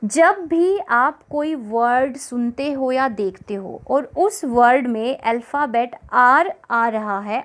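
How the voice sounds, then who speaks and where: A woman with a Haryanvi accent teaching an exam-prep grammar lesson, explaining patiently, repeating words and asking the class questions. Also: fairly high pitch.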